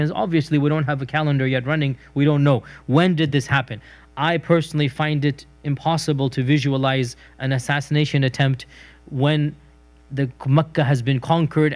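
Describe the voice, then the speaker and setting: A middle-aged man giving a recorded religious history lecture, telling stories conversationally and acting out quoted speech. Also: a little mellow. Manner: storytelling, acts out quoted speech with raised pitch; conversational with fillers and restarts.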